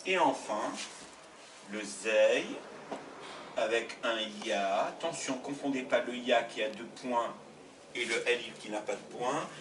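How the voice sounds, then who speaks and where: A man's voice: medium pitch, noisy background. Patient male teacher, roomy sound. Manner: slow, patient, spells out sounds. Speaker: Arabic teacher. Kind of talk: classroom lesson. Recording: roomy sound from a distant mic.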